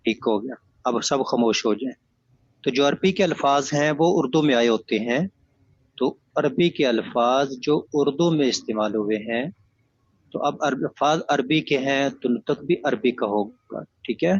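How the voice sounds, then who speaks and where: A man's voice: medium pitch, breathy edge, no echo. A man teaching an online class, firm and methodical, explaining by repeating examples over dull lo-fi audio.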